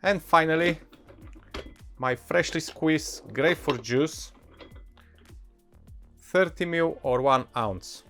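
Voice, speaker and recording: Higher-pitched man with a non-native English accent. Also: slow pace, pauses often, fairly bright tone. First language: not English. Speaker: bartender presenting cocktail recipes. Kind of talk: instructional cocktail tutorial, casual. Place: indoor bar set, behind counter. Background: music.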